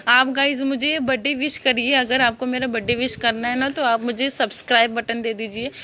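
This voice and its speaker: A young woman with a fairly high, pushed and bright voice guides viewers through a home recipe at a moderate pace, her intonation fairly even. It's a casual, step-by-step kitchen demo full of fillers, filmed from above on her phone.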